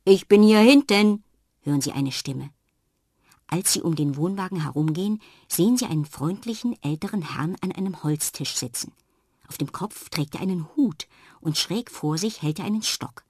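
A woman reads a children's story in a calm, expressive way. Her voice is low and slightly husky. The recording is close and dry. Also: normal speed, no room sound.

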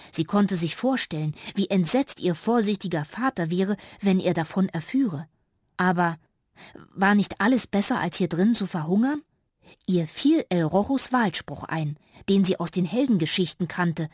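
A woman narrating a children's audiobook with lively, expressive storytelling. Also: mid-range voice, husky, dry recording, studio quality.

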